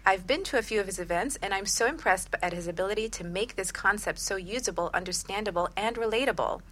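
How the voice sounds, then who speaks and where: Here the same kind of middle-aged relationship coach co-hosts a radio talk show at a medium pitch, talking fast. Her delivery is enthusiastic and expressive, sliding from script into chat, and there's a bit of background noise.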